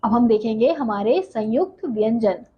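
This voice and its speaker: A woman's voice: on the high side, expressive, normal speed, breathy edge. A woman teaching a Hindi grammar lesson, spelling out letters and example words one at a time and asking rhetorical questions she answers herself. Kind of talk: slow explanatory lesson. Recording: slightly dull recording with faint ambient noise.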